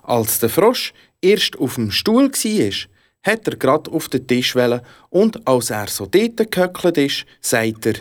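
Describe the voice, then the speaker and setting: A storyteller with a Swiss German accent narrates a fairy tale. The delivery is animated and expressive, with a lively, swooping melody and playful sound effects. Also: mid-range voice, unhurried.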